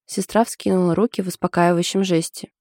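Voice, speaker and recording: A woman narrating an audiobook in an even, measured way. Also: lowish voice, no echo, studio quality.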